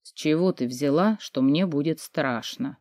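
A woman reading an audiobook voices an ill young man who speaks quietly and wearily. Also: sits low, measured pace, no room sound, clean studio sound, voice pushed down. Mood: weary, soft. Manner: quiet, weary, soft-spoken.

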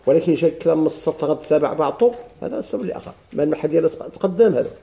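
Moroccan male teacher, slightly high but very mellow, dark voice, walks students through grammar and quizzes them as he goes. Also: lively intonation, very fast, creaky. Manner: explains step by step, quizzing students with questions. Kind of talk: classical grammar lesson.

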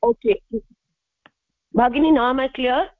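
A woman's voice: high voice, normal speed, no echo. A woman joining a group voice call as a student and reading her answers aloud. She sounds hesitant and checks in often with the teacher. Her voice is thin and phone-like, with a dry sound and no room around it. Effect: heard through a group voice call. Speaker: student in an online language class.

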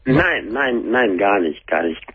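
A man's voice: on the low side, sing-song, a little slow, slightly rough, dry recording. Thirty-something man calling in by phone. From near Düsseldorf, Germany. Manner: hesitant, with many fillers and repeats. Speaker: caller. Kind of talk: phone call to a radio talk show. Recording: tinny phone line on radio.

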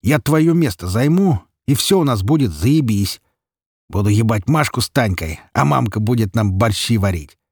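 A man voicing a dim, cruel teenage boy whose shrill voice cracks into falsetto in a spoken story. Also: lively intonation, moderate pace, gravelly, husky, no echo, studio quality, heavily acted. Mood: gloating.

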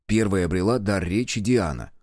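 Expressive low-voiced male narrator. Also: normal speed, dry recording, studio quality. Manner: expressive storytelling. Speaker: audiobook narrator. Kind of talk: scripted narration.

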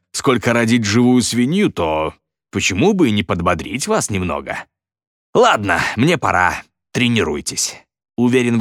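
A man's voice: fairly low pitch, fairly bright tone, dry recording, clean studio sound. A man voicing a vain, boastful male stage magician who gloats and sneers theatrically.

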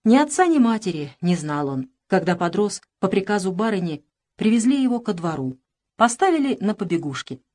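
A woman narrating a literary audiobook in an expressive, measured storytelling manner. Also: medium pitch.

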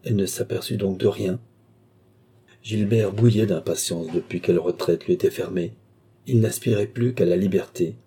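Dark husky male narrator. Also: sits low. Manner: measured, even reading of a classic novel. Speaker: audiobook reader. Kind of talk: scripted narration.

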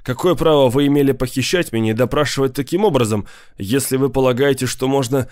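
Guy doing a fussy beaten-up teacher, picky about words, kinda higher voice, smooth. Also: fast, a little mellow, no echo, studio quality, lightly acted. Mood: indignant. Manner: fussy, pedantic, choosing words carefully. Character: educated middle-aged male schoolteacher, beaten, indignant.

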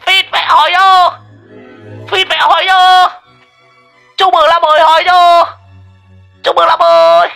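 A man's voice: very high voice, level tone, measured pace, creaky, long pauses, sharp tone, faint music behind, voice pushed up, heavily acted. A man voicing a foul-mouthed pet parrot that screeches curses over and over, in a comic audio story. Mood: shrieking.

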